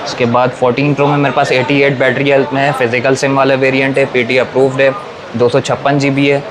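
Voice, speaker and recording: A man with a Pakistani accent working as a phone seller, giving a repetitive sales pitch that lists models and prices. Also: level tone, brisk. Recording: noisy room with clear background noise.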